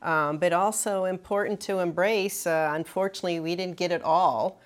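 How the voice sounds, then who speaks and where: A woman with a notably low voice, talking as a clinician on a medical panel. She explains in an earnest, careful way, with many ums and restarts as she works through her points. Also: steady tone, moderate pace, slight background noise. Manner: earnest, explanatory, frequent fillers.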